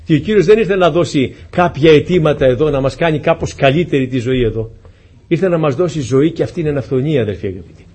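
A man's voice: a little high, a little mellow, slightly rough. A man preaching a sermon to his congregation, earnest and pleading, often asking them questions.

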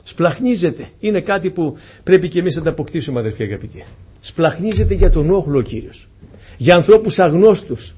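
A man's voice: on the high side, sing-song, mellow, husky. A man preaching a sermon to his congregation, earnest and pleading, often asking them questions.

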